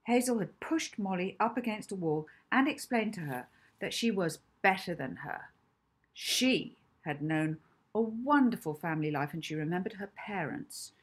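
A woman author reading her children's novel aloud in an expressive, animated storytelling manner. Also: medium pitch, normal speed, slightly rough. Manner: animated storytelling, acting out lines. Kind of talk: expressive audiobook narration.

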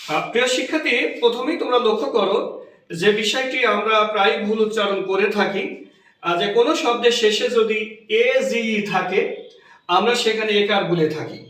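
A man with a Bangladeshi Bengali accent and a high voice teaches a pronunciation class. He talks slowly and repeats himself, spelling words out letter by letter. The sound is distant and heavily echoed, as if he were recorded from across a bare room. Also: a bit bright. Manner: slow, repetitive, spells out letters and stretches words. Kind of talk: classroom lesson.

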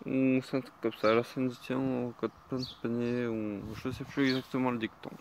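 A man giving a casual tour of his vegetable garden, talking in an unhurried, hesitant way with many fillers. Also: mid-range voice, level tone, slight background noise.

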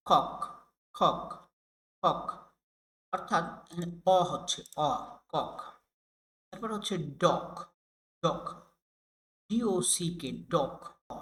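A man, from Bangladesh, teaching a phonics lesson for children, slowly repeating each sound and word many times. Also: high voice, fairly bright tone.

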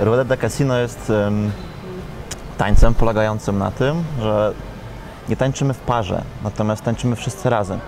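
A man's voice: lowish voice, moderate pace, background noise. A young man, a dance workshop organizer, answering interview questions in a studio with many hesitations. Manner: explanatory, with many hesitation sounds. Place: studio set in a shopping mall. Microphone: lapel.

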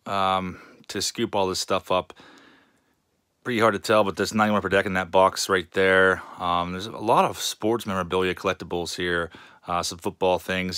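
A man casually narrating a show-and-tell of his card collection, relaxed and rambling with many fillers. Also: low-pitched, clear, resonant tone, dry recording, studio quality.

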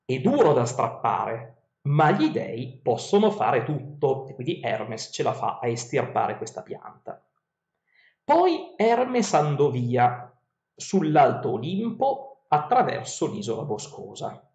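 A man's voice: medium pitch, gravelly, darkish tone. A male teacher giving a video lesson, reading verses of an epic poem aloud and then explaining them in plain words. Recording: roomy, dull lo-fi recording.

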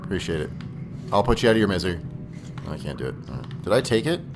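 A man's voice: sits low, big pitch swings, fast talker, creaky. A man giving casual, exclamatory and profane gameplay commentary, often talking to the game characters. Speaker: gaming let's player. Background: video game music and sound effects.

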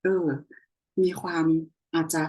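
A young woman tutoring a language lesson over a screen share, explaining slowly and often checking in with her listener. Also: a little mellow, low-quality recording. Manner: slow, explanatory, frequent checking questions.

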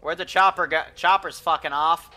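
A man's voice: fairly high pitch, steady tone, normal speed, bright, forceful tone, low-quality recording. A man streaming a shooter game, giving sweary military-style callouts and live commentary to his teammate.

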